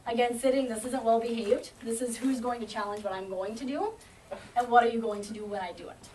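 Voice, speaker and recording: A woman's voice: fairly high pitch, a little mellow. Confident woman trainer heard from afar. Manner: confident, explains with quick acted-out dog thoughts. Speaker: shelter animal trainer. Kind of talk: teaching a group of volunteers. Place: indoor room at an animal shelter. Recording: distant camera mic, faint noise.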